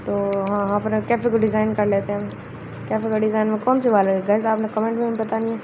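Woman, gameplay commentator, chatty and casual, flat even delivery, noisy background. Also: medium pitch, fast talker. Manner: chatty, keeps addressing viewers as guys. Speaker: gameplay video host. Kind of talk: casual let's-play commentary. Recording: steady background noise.

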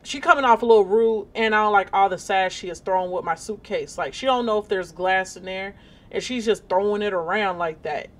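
A woman gaming streamer talks through a horror game in casual let's-play commentary. She reacts aloud and chats in her own everyday mid-pitched voice. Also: brisk.

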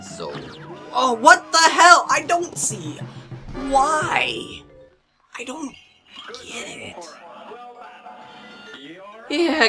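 A let's play gamer giving excitable gameplay commentary and exclaiming often while playing. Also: medium pitch.

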